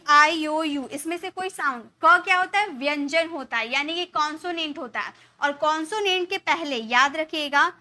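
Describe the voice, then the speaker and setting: Bright high-voiced woman teaching English. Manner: explains step by step, asks and answers her own questions. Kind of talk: spoken English lesson in Hindi.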